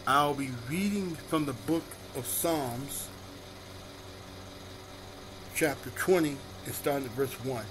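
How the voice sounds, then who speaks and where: A male minister delivering a sermon, reading scripture aloud and repeating each verse reference slowly and deliberately. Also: mid-range voice, noisy background.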